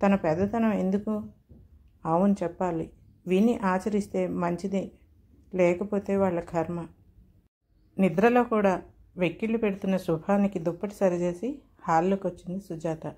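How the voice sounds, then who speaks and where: A woman narrating a family story as an audiobook, measured and reflective. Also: medium pitch, warm tone.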